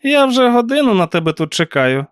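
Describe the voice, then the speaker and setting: A sharp-eyed, prying old aunt with a high, pinched voice and reproachful questions, as a male narrator puts her on. The audiobook sound is dry and close, with no room around it. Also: a little fast, dry recording.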